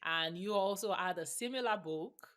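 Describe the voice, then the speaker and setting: A woman hosting a podcast interview, speaking in a clear, measured way. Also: mid-range voice, a bit bright. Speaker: podcast host.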